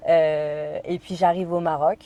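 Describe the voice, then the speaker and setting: A woman from France speaks as a podcast guest, recounting a personal story. Her voice sits low and sounds mellow. She hesitates often, fills gaps with fillers and quotes her own thoughts aloud. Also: level tone, unhurried, lo-fi sound.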